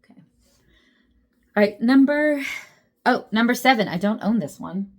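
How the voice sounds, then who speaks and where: A woman's voice: fairly high pitch, animated, measured pace, darkish tone. A young adult woman chatting casually about books, laughing often and poking fun at herself. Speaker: book vlogger. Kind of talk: casual chat.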